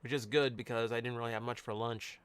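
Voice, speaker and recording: A man's voice: mid-range voice, steady tone, quick pace, smooth. A man chatting casually on a live stream, reading out cards and answering chat. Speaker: streamer opening card packs.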